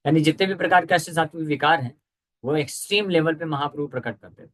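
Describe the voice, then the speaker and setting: Male lecturer, slightly higher voice, casual explaining style, devotional talk. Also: rough recording. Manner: explains in conversational Hindi mixed with English words, chants verses slowly. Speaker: speaker giving a scripture lecture.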